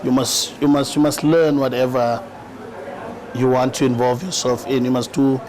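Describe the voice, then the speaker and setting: A man's voice: medium pitch, little pitch movement, normal speed, a little mellow, poor audio. A South African man in his thirties, a rapper and actor, talking easily in a podcast interview and often repeating words and saying "you know". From South Africa, Eastern Cape.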